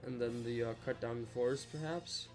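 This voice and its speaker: Brief: man reacting casually, mid-pitched, with light music underneath and musing asides. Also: fairly even intonation, normal speed, a little mellow. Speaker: reaction video host.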